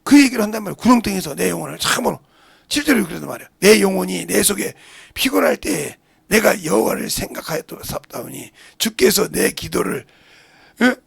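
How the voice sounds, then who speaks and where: Gravelly preaching man, whisper to shout. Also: sits high, expressive, brisk, no room sound, studio quality. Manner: swings from hushed whispered prayer to shouting. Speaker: pastor. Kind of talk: sermon. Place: church sanctuary.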